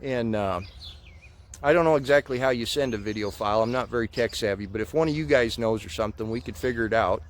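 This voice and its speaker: A man's voice: mid-range voice, fast. An American man in his thirties chatting casually to camera outdoors in a folksy, hesitant, rambling way, his speech slightly muffled by a lip full of dip. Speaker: vlogger. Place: outdoors in a farmyard. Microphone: camera or phone at about arm's length. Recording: outdoor ambient noise.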